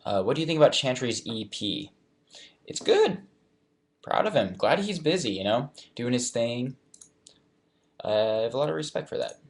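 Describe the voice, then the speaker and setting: A man's voice: mid-range voice, lively intonation, brisk. A young man in his twenties answering fan questions in a casual live chat, reading each question aloud and then thinking it through.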